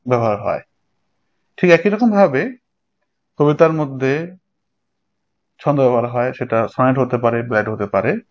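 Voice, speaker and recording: A male teacher giving a recorded lecture, explaining step by step and checking in with students. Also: fairly high pitch. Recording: dull lo-fi sound.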